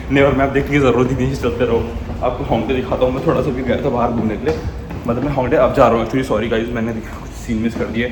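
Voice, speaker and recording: A man's voice: medium pitch, background noise. A young man from India vlogging his night out in the city, chatty and always calling out to his viewers, filmed on a handheld phone. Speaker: travel vlogger. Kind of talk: casual travel vlog. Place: city streets, metro and shop, at night. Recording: loud music over the talk. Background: loud music and insects chirping.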